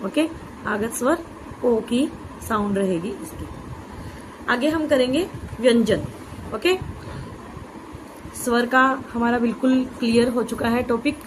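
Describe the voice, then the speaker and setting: Patient woman teacher with a noisy background. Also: fairly high pitch. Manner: explains patiently, repeats "okay" often, spells out letters slowly. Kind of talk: exam-prep grammar lesson.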